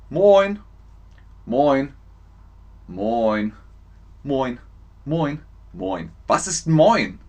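A man's voice: medium pitch, slightly rough. A man teaching slang in a playful language lesson, repeating words with exaggerated, theatrical demonstrations.

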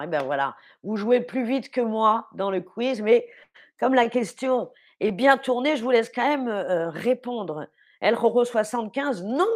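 Enthusiastic woman teaching on a stream. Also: mid-range voice. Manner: playful, enthusiastic, spells words out slowly. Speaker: French teacher streaming a live lesson. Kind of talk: livestream lesson reading the chat.

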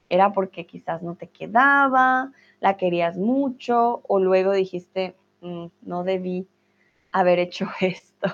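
A woman teaching Spanish in a live-streamed lesson, reading out viewers' chat comments and answering them in a patient, encouraging way. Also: medium pitch. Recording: dull lo-fi stream audio.

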